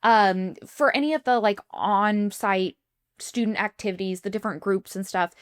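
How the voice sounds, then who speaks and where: A woman's voice: mid-range voice, moderate pace, smooth. A young woman co-hosting a casual podcast, chatty and full of fillers as she walks her co-host through a story. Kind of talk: casual chat.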